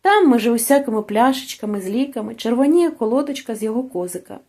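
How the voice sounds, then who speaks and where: Audiobook narrator: woman, slightly high, mellow tone, emotional and expressive storytelling. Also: fast talker. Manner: emotional, rising and falling with the story. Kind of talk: expressive literary story reading.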